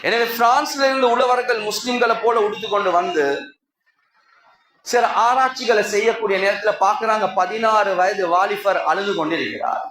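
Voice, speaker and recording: Impassioned Sri Lankan Tamil preacher. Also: male voice, high-pitched, normal speed. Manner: impassioned, rhetorical, repeated address to the congregation. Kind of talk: live Friday sermon. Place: mosque. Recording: echoey hall with crowd.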